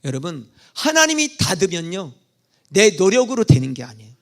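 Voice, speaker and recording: A man preaching a Sunday sermon in a church, telling the story vividly, asking questions and answering them, dropping to soft asides and rising to loud calls. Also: normal speed. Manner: animated storytelling, asks and answers own questions; swings between soft low asides and loud exclamations. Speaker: pastor. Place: church sanctuary.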